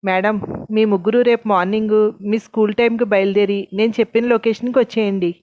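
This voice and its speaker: A woman's voice: mid-range voice, steady tone, fast, close to an everyday voice. A woman reading an encouraging young director. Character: young man, reassuring film director. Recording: dull lo-fi recording.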